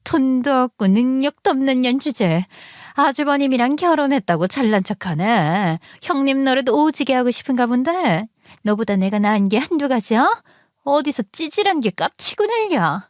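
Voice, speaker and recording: A bratty younger sister-in-law, put on by a woman narrator, sneering and spiteful, her voice pushed higher than the narrator's own. The sound is dry and close, with no room around it. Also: animated, normal speed, dry recording. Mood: abusive. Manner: mocking, then pleading.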